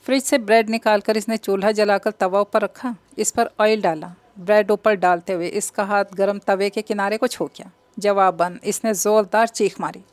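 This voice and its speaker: A woman's voice: medium pitch, normal speed, hardly any pauses, no room sound. Woman narrating a novel, dry close sound. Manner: steady storytelling.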